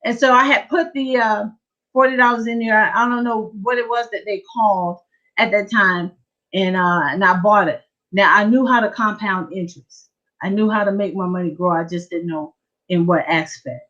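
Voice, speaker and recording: A woman giving a lively testimony at a church prayer service, telling her story with animated energy. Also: mid-range voice, moderate pace. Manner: lively storytelling, acting out her own excitement. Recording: dull lo-fi church livestream.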